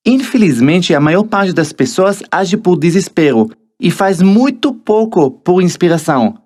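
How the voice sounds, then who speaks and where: Reading his own motivational audiobook, an Israeli man talks directly to the listener in an encouraging way. His pitch is fairly high, and his voice has a slightly mellow quality.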